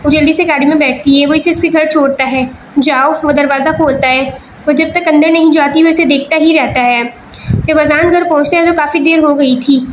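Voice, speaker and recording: A woman reads a novel aloud with steady storytelling. Her voice sits high. A faint hiss hums underneath. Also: rough recording. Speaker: story narrator. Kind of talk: reading an Urdu novel aloud.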